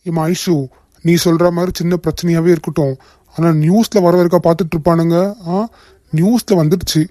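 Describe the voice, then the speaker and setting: A man voicing a grumpy older father-in-law in a cartoon, gruff and complaining. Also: a little high, fairly even intonation, fairly quick, dark tone, no room sound, studio quality, lightly acted. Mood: grumbling. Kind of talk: cartoon voice acting.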